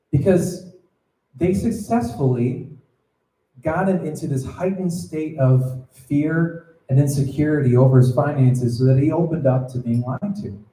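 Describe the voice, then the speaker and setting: His voice sits on the high side and sounds mellow as he addresses students in a sermon. The echoey room carries his conversational style, his check-ins with the audience, and his acted-out story voices.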